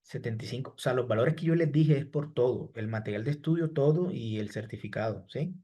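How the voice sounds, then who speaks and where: A man teaches live online, speaking a little fast in a warm, mid-range voice. He takes questions from the chat, names the students he answers, and finishes almost every point with "¿sí?" and "estimados".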